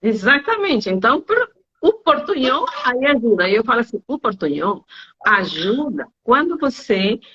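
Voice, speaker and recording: A woman, a Spanish teacher and travel agent, talking in an interview and telling anecdotes in an animated way, acting out her students' lines. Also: moderate pace, slightly rough. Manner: animated storytelling, acts out students' lines in high voices. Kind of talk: interview conversation. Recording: dull lo-fi sound.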